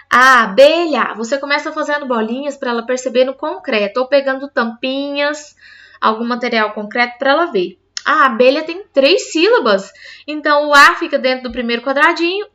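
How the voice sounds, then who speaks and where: Explaining a classroom literacy activity to other teachers, this woman speaks in a high, bright, forceful voice and frequently checks that her listeners are following. She calls them "gente" and sprinkles in "tá?" often. The sound is lo-fi.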